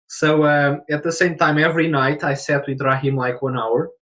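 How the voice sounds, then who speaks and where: A man from Portugal, a podcast guest, telling travel stories in a casual, animated way and laughing often. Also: fairly high pitch, moderate pace. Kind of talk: casual storytelling conversation.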